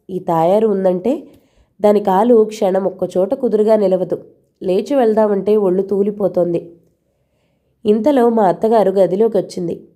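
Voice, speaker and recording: A woman's voice: medium pitch, mellow. A woman narrating a novel in the first person, reading expressively as a storyteller.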